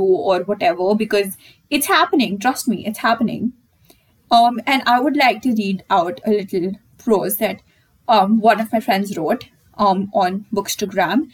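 A woman's voice: medium pitch, husky, low-quality recording. A young woman hosting her own podcast in casual solo chat, candid and emphatic and swearing freely. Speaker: podcast host.

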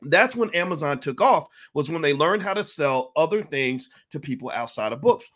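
A man talking to camera as a host in an energetic, emphatic way, repeating key words and clearing his throat now and then. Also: on the high side, normal speed. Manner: clears throat and coughs between points. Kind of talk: casual talk to camera.

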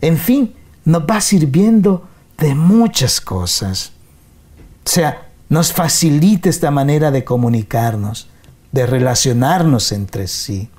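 A man's voice: a little high, big pitch swings, slow, darkish tone. A man giving an informal lecture to a class over a video call, explaining things and asking rhetorical questions. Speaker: workshop presenter.

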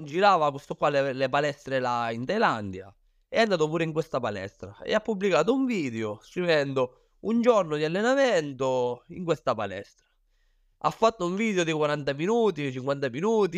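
Man, Sicilian accent, clean resonant voice, fairly high pitch, informal storytelling, interview guest, dry recording. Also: clear, resonant tone, no echo. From Sicily, Italy. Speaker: interview guest, professional Muay Thai fighter. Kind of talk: casual first-person storytelling in an interview.

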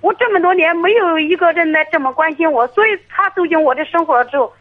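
A middle-aged woman calling in to an advice show, talking haltingly with many restarts over a tinny phone line. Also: very high-pitched. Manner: halting, hesitant, restarts often. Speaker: caller.

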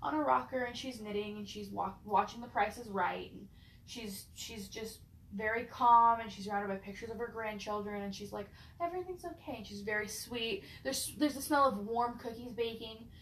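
A woman's voice: medium pitch, steady tone, normal speed, a bit bright, slight background noise. A woman in casual chat who swears freely and often stammers and restarts her sentences. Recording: roomy echo.

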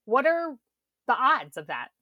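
A woman's voice: high voice, big pitch swings, measured pace, sharp tone, dry recording, studio quality. Wry woman recapping a show. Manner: wry, quotes characters in mocking voices. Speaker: podcast co-host. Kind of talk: casual recap chat.

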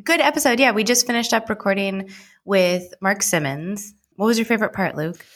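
A woman's voice: medium pitch, normal speed. A woman hosting a podcast, chatting and asking questions in an upbeat, informal way. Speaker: podcast host. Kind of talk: casual chat and interviewing.

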